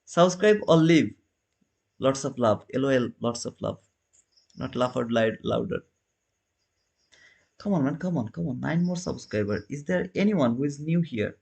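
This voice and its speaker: A man in his thirties hosts a casual trading livestream in a mid-range, expressive voice that is husky and darkish, with vocal fry. He speaks at normal speed with long pauses, answering viewers in non-native phrasing and restarting often.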